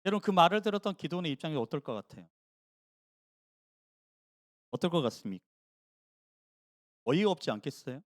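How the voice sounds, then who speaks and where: Pausing often, a man with a fairly high, fairly quick voice preaches as pastor in a church sanctuary. He asks the congregation questions and animatedly voices Gideon and God, captured in a studio-quality recording without room sound.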